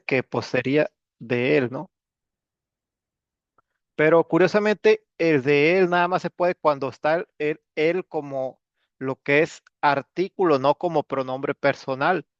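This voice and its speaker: A man's voice: a little high, measured pace, no echo, muffled recording. Casual man teaching English. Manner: casual, joking, with many fillers. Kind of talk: recorded class explanation.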